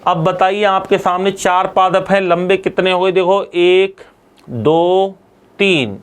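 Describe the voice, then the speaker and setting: Male science teacher, high ringing voice, call-and-response drilling style. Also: fairly even intonation, slow pace, clear, resonant tone. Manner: asks students questions and answers them himself; repeats key terms for drilling. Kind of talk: classroom lecture.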